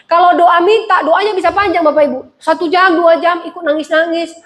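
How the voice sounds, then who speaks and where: High-voiced woman pastor preaching. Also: fairly even intonation, fairly quick. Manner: humorous storytelling, emphatic call-and-response phrasing. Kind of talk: sermon.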